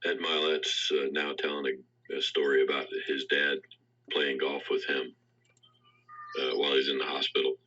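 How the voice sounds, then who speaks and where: Very deep, husky-voiced man. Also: flat delivery, normal speed, pushed and bright. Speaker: co-speaker. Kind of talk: conversational commentary. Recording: dull lo-fi audio.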